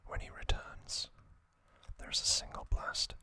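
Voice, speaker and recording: An ASMR host whispers a recap with no voiced tone whatsoever, speaking very slowly and deliberately in short phrases punctuated by pauses. The breathy whisper is crisp on top and stays even throughout, with no room sound.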